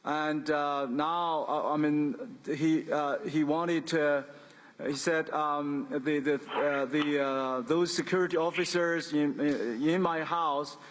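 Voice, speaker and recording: A man's live interpreter voice, relaying someone else's testimony in a slow, faltering way, stopping often to search for words. His voice sits a bit high for a man. The sound carries the long reverb of a large hearing room. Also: fairly even intonation, slight background noise. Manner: halting, full of pauses and fillers. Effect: live interpreter voice, relaying another man's words.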